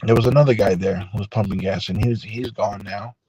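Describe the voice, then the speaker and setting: A man telling a personal story on a live stream in a rambling, unhurried way, full of fillers and restarts. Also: on the low side, fairly even intonation, warm tone, husky, no echo, poor audio.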